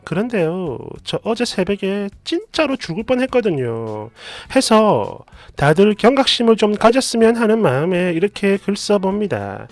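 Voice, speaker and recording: Story narrator, casual, chatty asides, animated pitch, dry close mic, faint music behind. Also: no echo. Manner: lively, chatty, adds asides and comments.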